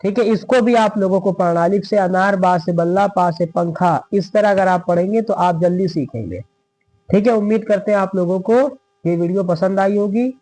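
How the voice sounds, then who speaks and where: A man's voice: sits high, moderate pace, darkish tone. A man teaching Urdu reading who spells out words letter by letter and patiently repeats each syllable. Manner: patient, keeps checking with "thik hai". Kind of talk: slow step-by-step reading lesson.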